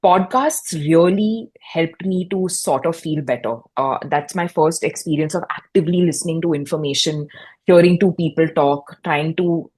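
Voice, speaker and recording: A woman's voice: low voice, moderate pace, darkish tone, slightly rough. A young woman, a guest in a fireside chat, reflecting on her own experiences in a personal, storytelling way with frequent restarts. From India. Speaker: guest, mental health podcast host.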